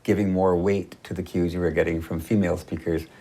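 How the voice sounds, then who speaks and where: Low-voiced linguist demonstrating speech sounds. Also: male voice, level tone, brisk, dark tone. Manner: precise, demonstrates sounds by example. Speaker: linguistics researcher. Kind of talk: interview explanation.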